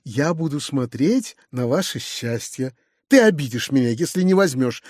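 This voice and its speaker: A man voicing a giddy, high-strung spinster lady who gushes in breathless exclamations. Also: lively intonation, normal speed, a little mellow, dry recording, studio quality, close to an everyday voice. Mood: ecstatic gushing.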